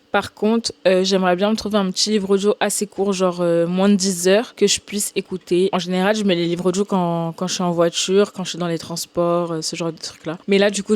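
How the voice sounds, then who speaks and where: A woman's voice: mid-range voice, a little mellow. A young woman chatting informally and with youthful slang as a book vlogger, talking straight to her viewers. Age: young adult. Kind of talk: casual vlog chat.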